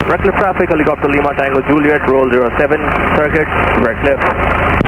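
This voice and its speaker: A man's voice: on the high side, a little fast. A man making clipped, formulaic pilot calls, heard over an aircraft radio. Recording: loud engine noise over radio.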